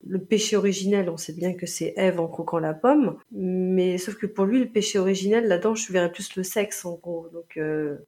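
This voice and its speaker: A woman's voice: fairly low pitch, moderate pace, few pauses, mellow. A woman co-hosting a casual French chat about a song, explaining its lyrics at length in a frank, joking way. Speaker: podcast co-host.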